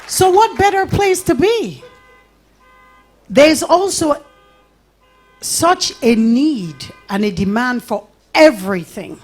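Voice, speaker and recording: A middle-aged Nigerian woman giving a live talk at an event, telling stories with animation and acting out little quotes between laughs. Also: sits high. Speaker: invited speaker.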